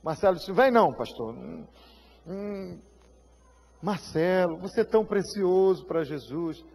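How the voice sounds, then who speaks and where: A man with a Brazilian Portuguese accent preaching a sermon, telling a story with feeling, acting out voices and shouting at the peaks. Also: high-pitched, expressive, measured pace, gravelly. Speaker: pastor. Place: church hall. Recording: live church hall reverb.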